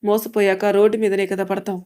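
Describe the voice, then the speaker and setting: A woman's voice: mid-range voice, little pitch movement, fairly quick, a little mellow, smooth, close to an everyday voice. A woman voicing a wounded young married woman who speaks plaintively. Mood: hurt.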